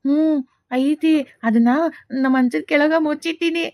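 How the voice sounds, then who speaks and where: A woman voicing a gentle young schoolboy who speaks softly and innocently, with a North Karnataka accent. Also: high-pitched, measured pace, no room sound, studio quality. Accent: North Karnataka Kannada.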